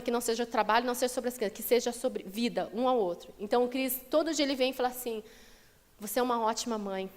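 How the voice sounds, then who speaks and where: High-voiced woman preaching in a reverberant church. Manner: lively, conversational preaching with acted quotes. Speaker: pastor. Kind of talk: sermon. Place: church sanctuary. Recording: long church hall reverb.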